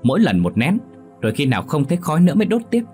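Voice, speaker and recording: A man's voice: lowish voice, very animated, brisk, a little mellow, faint music behind. A man voicing a stingy, bad-tempered middle-aged village man who grumbles and scolds. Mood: angry.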